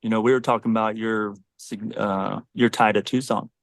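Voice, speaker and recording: A man's voice: lowish voice, fairly even intonation, moderate pace, gravelly, dry recording, studio quality. A man in his forties, a Navy SEAL, talking earnestly and reflectively in a podcast conversation.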